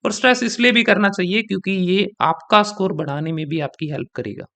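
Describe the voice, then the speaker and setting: A young man, an exam coaching trainer, teaching in Hindi mixed with English, explaining at length and repeating example sentences slowly with shifting stress. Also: high-pitched, creaky, pushed and bright.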